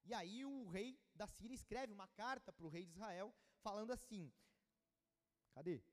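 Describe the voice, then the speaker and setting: A man's voice: high voice, expressive, normal speed. A man preaching a sermon, reading scripture and adding informal, slangy asides. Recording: long hall reverb.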